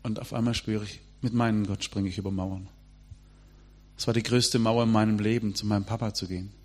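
A man's voice: on the low side, level tone, brisk, a little mellow. A middle-aged man delivers a sermon. He talks emphatically and turns to address his listeners directly. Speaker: preacher.

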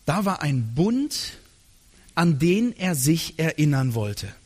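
Slow, earnest preacher. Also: male voice, fairly high pitch, sing-song, slightly rough. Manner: earnest, drops to a hushed tender voice for God's words. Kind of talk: sermon.

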